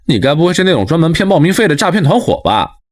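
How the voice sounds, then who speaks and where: A laid-back young mechanic in a motion comic, talking in a casual, offhand way. His slightly high voice moves lively up and down, and the recording is dry and close. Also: quick pace, no room sound. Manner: casual, unbothered. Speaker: lead character.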